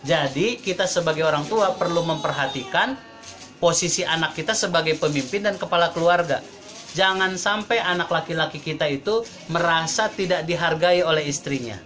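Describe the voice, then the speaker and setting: A man's voice: fairly high pitch, normal speed, fairly bright tone. A man in his thirties, a parenting trainer, giving a casual talk to a live audience in a chatty way and acting out quoted parents. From Indonesia. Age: 30s. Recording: crowd heard around the speaker. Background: audience murmurs and laughs.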